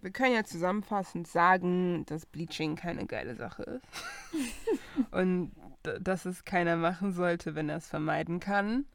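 A young woman co-hosting a casual chat, talking lively and slipping English phrases in between. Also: fairly low pitch, a little slow, gravelly, a little hiss or hum. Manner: lively, mixes English phrases into German, laughs often. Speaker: podcast co-host.

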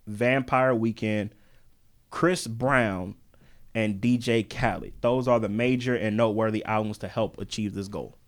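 A man's voice: on the low side, unhurried. A man hosting a casual podcast chat about the music business, talking loosely with plenty of slang and fillers. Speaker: podcast host.

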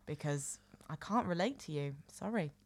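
A woman chatting on a podcast, her low-pitched voice rising and dipping a lot as she stops, restarts and hunts for words mid-sentence. Her talk is loose and unscripted. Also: expressive, a little mellow. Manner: chatty, halting, many restarts and fillers. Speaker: podcast co-host. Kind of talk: casual chat.

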